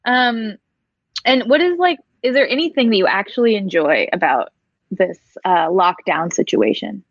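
A woman's voice: medium pitch, lively intonation, moderate pace, dry recording, lo-fi sound. A woman with a neutral accent hosting a casual chat, easygoing and encouraging. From Oregon. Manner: easygoing, encouraging, laughs along. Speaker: interviewer.

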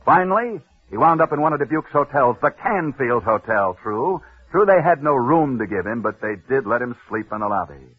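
This sports story show host delivers tales and ads like a 1940s radio man, dramatic and punchy with abrupt drops. His medium-pitched voice swings widely in pitch, sounds slightly rough, and moves briskly with hardly any pauses. The recording has the tinny sound of an old radio broadcast.

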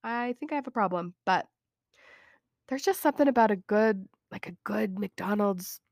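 A woman in her thirties from Utah, USA, hosts a casual solo podcast, chatty and self-deprecating, giggling often while a cold thickens her voice. Her mid-range voice has lively intonation, a darkish tone, and normal speed, recorded dry at studio quality.

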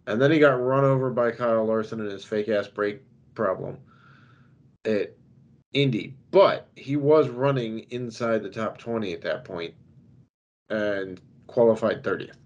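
A man co-hosting a podcast, chatting casually and quickly about fantasy racing picks, laughing easily. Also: lowish voice, dull audio. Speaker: podcast co-host. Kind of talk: casual sports betting chat.

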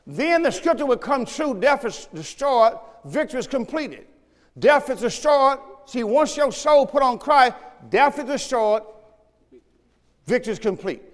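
Male pastor, high voice, sermon in a church with long reverb; swings from loud calls to quiet asides. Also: unhurried. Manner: animated preaching with sudden shouts and low asides, talking to the congregation.

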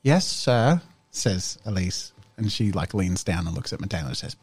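Husky-voiced man running a tabletop game. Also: sits low, fairly even intonation, brisk, a little mellow. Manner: casual, hesitant, full of "like" and "sort of". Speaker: game master.

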